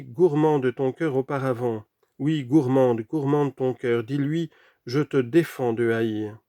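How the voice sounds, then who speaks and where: A man reading a sermon aloud in an earnest, deliberate way, dropping quieter for scripture references. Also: mid-range voice, dry recording, clean studio sound. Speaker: reader of a sermon.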